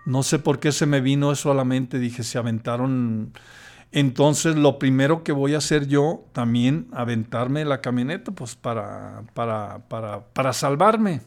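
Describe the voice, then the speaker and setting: A man's voice: medium pitch, darkish tone. An older man, a podcast guest telling a personal story in a hesitant way, with many restarts.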